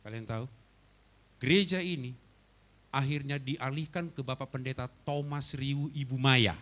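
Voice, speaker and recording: A male pastor preaching a sermon, telling a personal story with animated swings from loud outbursts to quiet asides. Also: medium pitch, normal speed. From Batak. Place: church hall.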